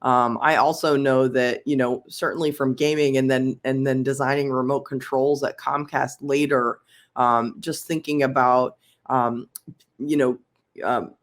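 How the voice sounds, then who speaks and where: A woman's voice: rumbling low, level tone, unhurried. Chatty woman from Philadelphia. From Philadelphia, USA. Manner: chatty, frequent ums, laughs easily. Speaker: podcast guest, UX researcher. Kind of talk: casual interview chat.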